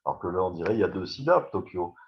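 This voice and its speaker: A man's voice: low-pitched, animated, quick pace, dull audio. A man, a neurologist, giving an informal webinar talk, chatty and full of restarts, speaking straight to his listeners. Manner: conversational, many fillers and restarts, addresses listeners directly. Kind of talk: informal lecture.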